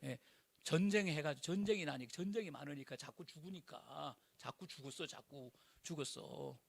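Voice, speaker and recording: A middle-aged male pastor preaching a sermon in an animated, colloquial way, full of rhetorical questions. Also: fairly high pitch, moderate pace, creaky, husky.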